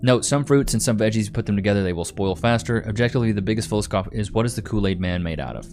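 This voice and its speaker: A young Texan live streamer talks over music, racing through comments in a casual, laid-back ramble. He speaks in a lowish voice, repeats himself, and says "bro."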